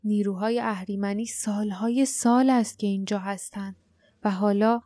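A woman's voice: mid-range voice, fairly even intonation, warm tone, dry recording, soft background music, lightly acted. A woman reading as an urgent young warrior man. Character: young loyal male warrior, urgent and firm.

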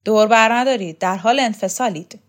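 A woman's voice: on the high side, pitched above the performer's own voice, lightly acted. A woman voicing a cold, scheming male official who speaks in curt, threatening replies.

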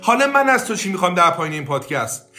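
A man's voice: sits high, sing-song, sharp tone, faint music behind. A man teaching English on a podcast, coaching listeners through repeated drill phrases. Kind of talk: podcast language lesson.

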